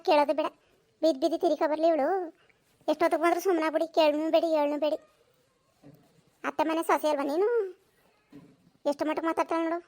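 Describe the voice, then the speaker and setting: Woman playing a sharp-tongued old mother-in-law. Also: lightly acted. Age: older. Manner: scolding, then wailing in a high pitch.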